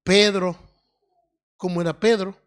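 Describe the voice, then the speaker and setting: A woman with an Argentine accent preaching a sermon in a deliberate teaching tone, often checking in with her listeners. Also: medium pitch, steady tone. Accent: Argentine Spanish. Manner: deliberate, teaching tone with frequent questioning "mm?" tags.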